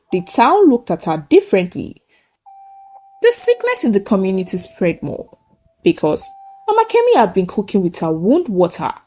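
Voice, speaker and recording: With a medium-pitched, slightly mellow voice, a woman tells a folktale solemnly and emphatically, keeping her sentences short and simple. The storyteller's dramatic narration closes on a moral.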